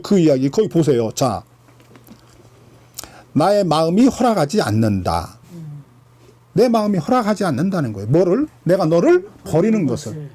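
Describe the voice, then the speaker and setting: A middle-aged man preaching a sermon as pastor, emphatic and full of rhetorical questions, swinging from loud bursts down to hushed, low lines.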